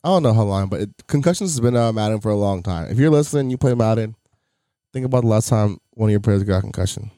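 Low, mellow, fast-talking bro-style male podcaster. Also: expressive, dry recording, studio quality. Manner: laid-back bro talk, slangy and swearing. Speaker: podcast co-host. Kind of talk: casual sports podcast chat.

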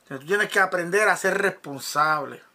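A man's voice: sits high, normal speed, pushed and bright. A man giving an earnest church testimony, often restarting his sentences. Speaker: church member sharing testimony. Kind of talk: conversational testimony.

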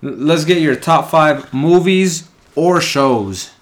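A man's voice: on the high side, expressive, slow. A young man co-hosting a podcast, chatting casually in slangy, laid-back bro talk. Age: young adult. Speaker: podcast co-host. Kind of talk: casual chat.

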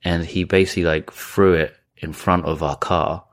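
Low-voiced man, relaxed casual chat. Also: moderate pace.

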